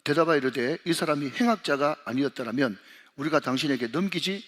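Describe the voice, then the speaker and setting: A man's voice: on the high side, lively intonation, fast talker, a bit bright. A man who is a senior pastor preaching a sermon, talking straight to the congregation and calling them to read along. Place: church sanctuary. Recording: long hall reverb.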